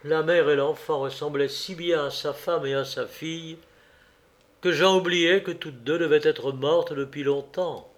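A man reading a folk tale aloud in a measured, even way. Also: on the high side. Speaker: narrator. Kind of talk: storybook reading.

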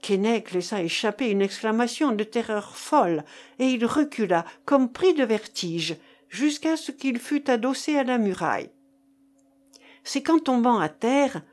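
Slow-reading woman narrator. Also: fairly high pitch, a little mellow. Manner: measured storytelling. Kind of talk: audiobook narration.

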